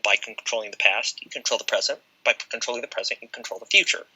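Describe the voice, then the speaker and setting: A man talking as a guest in a casual discussion, quick and emphatic, in a poor recording with popping. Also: medium pitch, bright, forceful tone, slight background noise.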